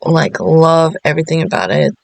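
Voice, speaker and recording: A woman's voice: deep voice, expressive, normal speed, gravelly, dry recording, poor audio. A woman in her thirties talking to camera in a meandering vlog, full of fillers and self-interruptions. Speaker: vlogger. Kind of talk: casual rambling monologue.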